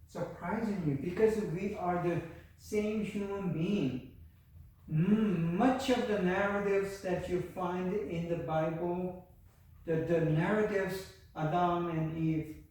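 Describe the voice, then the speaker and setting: An older man with a Korean accent lectures at a slow, halting pace, full of fillers and restarts. His voice sits high for a man. He sounds distant from the mic, in a strongly echoing room with faint ambience. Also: darkish tone, slight background noise. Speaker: university lecturer. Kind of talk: classroom lecture. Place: university classroom.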